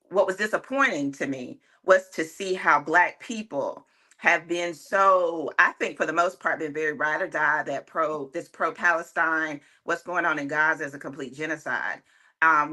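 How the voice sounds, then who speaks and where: A woman's voice: low voice, bright, forceful tone. A woman speaking as a guest in a casual discussion, earnest and opinionated, with plenty of likes and ums. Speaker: panel guest.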